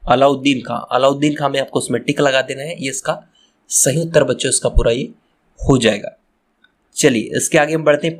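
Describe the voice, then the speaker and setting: A man teaching a class, going through textbook answers step by step, often speaking to the children directly and repeating himself. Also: mid-range voice. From Madhya Pradesh, India. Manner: repeats phrases, addresses children directly, restarts words. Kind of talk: exam answer walkthrough lesson.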